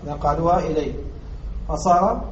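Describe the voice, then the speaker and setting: A man from Algeria gives a classroom grammar lesson. He speaks with a high voice and keeps throwing questions at his students. The recording is muffled, with a faint hiss behind it. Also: moderate pace. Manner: asks students rhetorical questions and drills the point. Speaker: sheikh teaching Arabic morphology.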